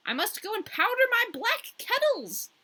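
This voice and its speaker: A woman's voice: very high-pitched, huge pitch swings, moderate pace, bright, forceful tone, voice pushed up, heavily acted. A woman voicing a cold, imperious fairy-tale queen. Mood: breezy, regal.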